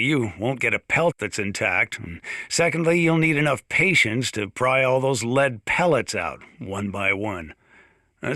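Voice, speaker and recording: A man plays a proud, folksy small-town sheriff who loves guns, chatting boastfully like a radio monologue for a video game. His mid-range voice is bright with a forceful tone, captured dry in a clean studio.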